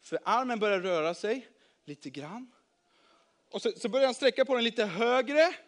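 Lively man telling a Bible story to kids. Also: extremely high pitch. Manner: lively, involves the audience. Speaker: children's storyteller. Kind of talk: Bible story told to children.

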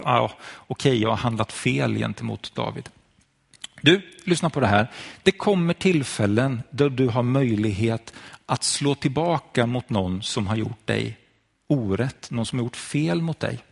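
A man's voice: medium pitch, lively intonation. A man preaching to viewers at home, telling a Bible story and speaking directly to the listener.

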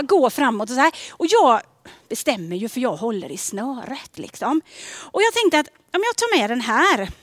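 A woman giving a sermon in a gentle, conversational way, often dropping to a soft near-whisper on key questions. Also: high-pitched, dry recording, clean studio sound. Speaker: preacher.

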